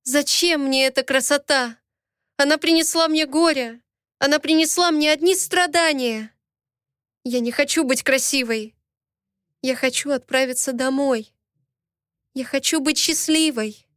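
A woman's voice: unhurried, long pauses, no room sound, clean studio sound. A woman acting as a desperate pleading young wife. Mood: bitter. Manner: high, loud, impassioned cries.

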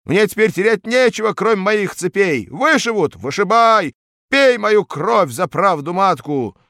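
A man voicing a rebellious young student who shouts and wails in outbursts. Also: high voice, very animated, unhurried, no echo, studio quality, voice pushed up, heavily acted. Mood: defiant. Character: rebellious young male student, tearful and defiant.

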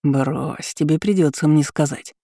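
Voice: unhurried, dark tone, no echo, studio quality. A reader voicing a hot-tempered male gangster in an audiobook, growling and icy. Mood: icy menace. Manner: low growl, icy and clipped. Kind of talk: audiobook character voice.

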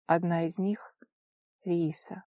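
A woman voicing a worried young male friend who speaks grimly and in a hushed, hurried way. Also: lowish voice, level tone, dry recording, clean studio sound.

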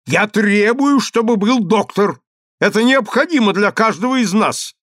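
Shrill blustering young duelist, high and loud , read by a man. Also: lively intonation, measured pace, no echo, studio quality. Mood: agitated. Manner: shrill, agitated shouting.

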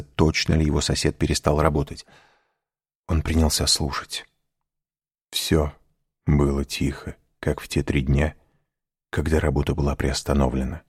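A man narrating a classic novel as an audiobook in a measured, even storytelling manner. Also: a bass voice, breathy edge, no room sound, studio quality. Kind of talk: scripted narration.

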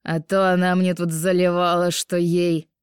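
A woman's voice: fairly low pitch, flat delivery, smooth, no room sound, clean studio sound, close to an everyday voice. A woman voicing a drunk young man who mockingly picks a fight. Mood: sneering drunk. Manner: slow, drawling and mocking.

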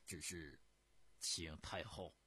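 A male storyteller voicing a principled court minister who argues in measured, drawn-out, dogged speech. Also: a bass voice, pushed and bright, slightly rough, exaggerated voice. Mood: resolute.

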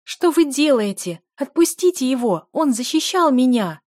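A woman's voice: high-pitched, sing-song, slow, darkish tone, no echo, clean studio sound, voice pushed up, full character voice. A woman voicing a young noblewoman who cries out and pleads through tears, in an audiobook reading. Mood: desperate. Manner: crying out, sobbing, pleading. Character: young noblewoman, desperate and tearful, fiercely loyal.

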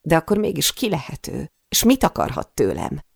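A woman's voice: low-pitched, wildly swooping pitch, creaky, a little mellow, husky, dry recording, studio quality. A woman narrating a first-person novel in a tense, intimate storytelling manner. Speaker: audiobook narrator.

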